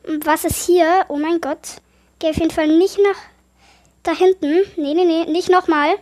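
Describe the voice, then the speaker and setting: Excitable high-voiced German gamer woman. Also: normal speed. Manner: excitable, easily startled, chatty. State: a little sick, voice affected. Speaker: gaming YouTuber. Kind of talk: horror game let's play commentary.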